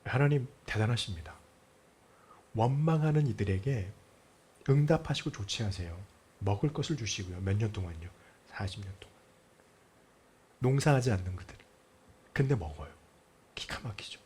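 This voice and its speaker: Husky Korean pastor, lively storytelling sermon. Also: male voice, lowish voice, moderate pace, pauses often. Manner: lively storytelling, acts out quotes, drops to near-whispers.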